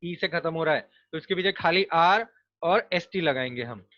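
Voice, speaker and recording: A man's voice: a little high, expressive, normal speed. A man teaching a grammar lesson, explaining step by step and spelling words out letter by letter. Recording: dull, lo-fi dry recording.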